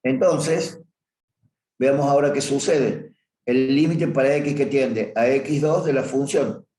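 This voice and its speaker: A man's voice: mid-range voice, slow pace, dark tone. Man teaching math in an echoey room. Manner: talking through a graph while drawing, stopping to correct himself. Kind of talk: review class lecture on limits. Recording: roomy echo.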